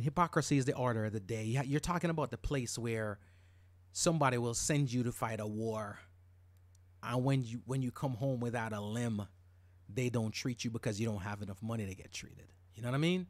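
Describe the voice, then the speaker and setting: A man's voice: mid-range voice, fast, no echo. A middle-aged man from Jamaica hosting a podcast, talking in an emphatic, casual monologue and repeating words when worked up. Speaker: podcast host.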